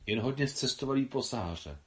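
A man reading the lines of a worldly, good-humoured army doctor in an audiobook, with calm, gently reflective speech. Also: mid-range voice, voice pushed up, close to an everyday voice.

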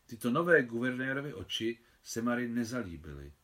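A man reads his own translation of a novel aloud in an even, steady narration. His voice is bright and forward. The style is a measured audiobook reading. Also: medium pitch.

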